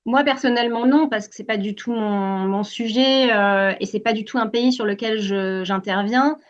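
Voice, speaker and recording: An Algerian woman in her forties, appearing as a guest and working as a Greenpeace campaigner, answers interview questions earnestly with many hesitations and restarts. Her voice is on the high side, her pace moderate, and the sound lo-fi.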